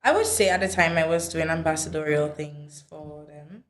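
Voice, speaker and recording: A woman's voice: low voice, moderate pace. A young woman from Saint Vincent, a guest in a casual interview, chatty and confident with playful asides to the viewers. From Saint Vincent and the Grenadines.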